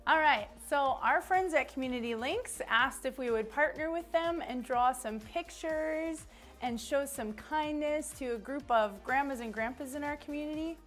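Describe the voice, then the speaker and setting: A woman's voice: sits high, moderate pace, a bit bright. A woman teaching a children's church lesson, chatty and encouraging, leading a drawing activity, with faint music behind. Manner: chatty and encouraging, with playful asides. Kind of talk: upbeat lesson for young children.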